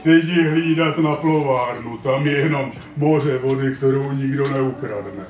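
A man voicing a gruff, bossy male ram in a live puppet show. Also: medium pitch, a little mellow, close to an everyday voice. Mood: mocking. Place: family centre playroom, live puppet show. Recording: echoey room from far off, audience.

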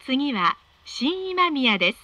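A woman reading scripted train announcements in a polite, measured, formal way. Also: high voice, big pitch swings, bright, forceful tone, no room sound.

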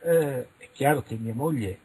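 A man's voice: mid-range voice, unhurried, warm tone, husky, poor audio. A middle-aged man from Italy, talking frankly and animatedly in a radio interview, now and then acting out little dialogues. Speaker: interviewed researcher. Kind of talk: radio interview, casual monologue.

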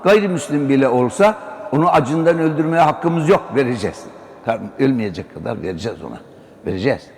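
A man's voice: mid-range voice, very animated, fairly quick, a little mellow. An older man giving an exhortative religious talk, often calling his listeners brother. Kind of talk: religious sermon-style talk. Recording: long hall reverb, faint background noise.

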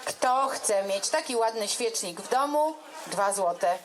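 A woman's voice: fairly high pitch, measured pace, slight background noise. A woman working as a live auctioneer at a charity event, calling and repeating prices with chatty asides to the bidders. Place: public charity fair with an audience. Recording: echoey public-address sound, crowd around.

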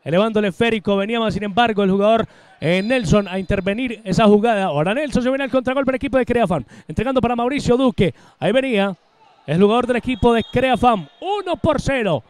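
A man giving live match commentary as play-by-play announcer, in excited breakneck goal-commentary style with drawn-out shouts. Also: sits high, clean tone, no echo.

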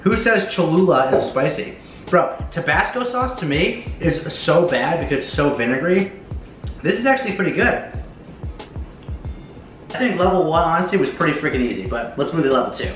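His voice is a little high and fairly bright, with lively intonation and a moderate pace. This young American man hosts a challenge video, talking casually to camera with slang and frequent swearing. The camera mic sits a few feet away in an echoey home kitchen, faint music audible behind him.

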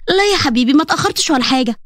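A woman voicing an affected, sweet-talking young fiancée in an animated story, with an Egyptian accent. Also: sits high, racing, no echo, studio quality.

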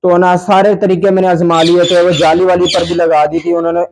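A man's voice: sits high, flat delivery, a little fast. A man from Pakistan, vlogging casually about his birds in an indoor aviary and complaining in frustration. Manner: exasperated, complaining chatter. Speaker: bird keeper vlogger. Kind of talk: casual vlog narration. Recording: noisy aviary with bird squawks. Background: birds chirping and squawking.

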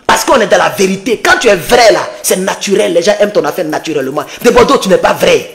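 A man's voice: sits high, expressive, fast talker, creaky, faint music behind. A man with an Ivorian French accent, taunting and scornful, ranting on a late-night livestream into his phone. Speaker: online political activist.

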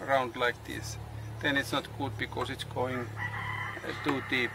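A middle-aged man, not a native English speaker, vlogging outdoors on a tropical farm. His English is halting, with many pauses and uh's, and the camera is held at arm's length. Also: mid-range voice, flat delivery, creaky, very noisy. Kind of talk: casual vlog narration. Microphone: handheld camera selfie and tripod camera.

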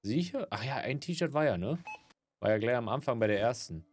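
A man's voice: mid-range voice, expressive, brisk, slight background noise. A man giving casual gameplay commentary, grumbling and swearing, with mock-polite greetings to customers. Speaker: gaming let's player.

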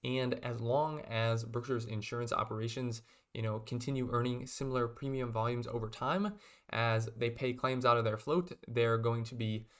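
Sitting in a small room, a man in his twenties hosts an investing video, casually explaining lessons to his webcam in a mid-range voice at a moderate pace. He's steady throughout but often says "um" and "kind of."

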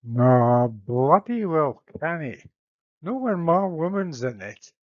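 A man doing a gruff Scottish brawling king. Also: a little high, very animated, slow, no room sound, pitched above the performer's own voice. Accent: put-on Scottish. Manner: gruff, threatening. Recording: slightly muffled dry recording.

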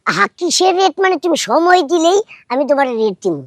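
A woman's voice: extremely high pitch, sing-song, dry recording, clean studio sound. A woman acting a brash young man who wheedles and presses impatiently, in a comedy play. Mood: pushy. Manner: wheedling, impatient, drawn-out "aha".

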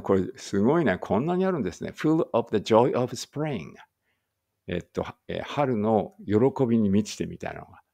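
Lively gravelly man teaching English. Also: low-pitched. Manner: chatty, thinks aloud with small chuckles. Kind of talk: casual English lesson.

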